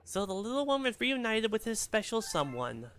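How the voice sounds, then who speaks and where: A man's voice: high voice, sing-song, moderate pace, a bit bright, slight background noise, voice pushed up, heavily acted. A man voicing a cheeky little male star creature, reading his lines lightly and chattily. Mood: chummy.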